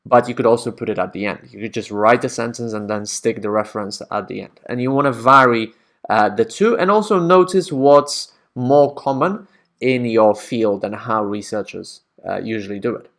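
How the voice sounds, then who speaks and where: A man's voice: mid-range voice, normal speed, fairly bright tone. A man teaching academic writing in a casual, conversational way, often checking in with the listener. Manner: conversational, checks in with frequent "right?".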